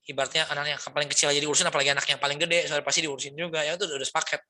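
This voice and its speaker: A middle-aged male pastor preaching in a loose, conversational way, often tagging his sentences with quick checks to the crowd and dropping in English words. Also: on the high side, level tone, pushed and bright. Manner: chatty, peppers speech with tag questions and English words. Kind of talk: conversational sermon.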